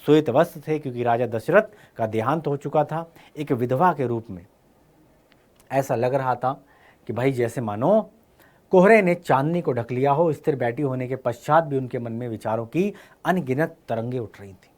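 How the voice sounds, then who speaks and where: A male teacher explaining a Hindi poem to students, reciting verse lines slowly and then explaining them in casual speech. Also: medium pitch, darkish tone. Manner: uses fillers like "है ना" and "clear है".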